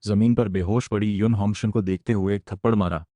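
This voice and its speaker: A man narrating a comic-style story recap in a steady, dramatic storytelling manner. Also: lowish voice, a little fast, dry recording.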